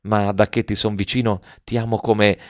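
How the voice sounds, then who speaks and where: A man's voice: on the low side, flat delivery, moderate pace, no room sound, lightly acted. A man reading aloud and voicing a young man who pleads and declares his love fervently, in a dull and slightly muffled recording.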